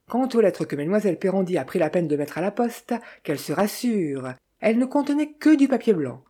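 A woman's voice: medium pitch, very animated, a little fast, warm tone, husky. A woman reading the lines of a mocking, good-humored male detective in an audiobook, with a wry, teasing manner.

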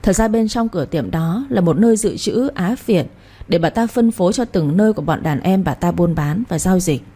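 A woman voicing a cunning young master who explains his plans calmly. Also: fairly low pitch, normal speed, slightly rough.

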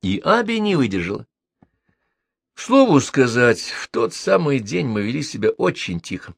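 A man's voice: mid-range voice, very animated, moderate pace, vocal fry, husky, no echo. A man reading a novel aloud as narrator, wry and ironic. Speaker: audiobook narrator. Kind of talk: literary audiobook reading.

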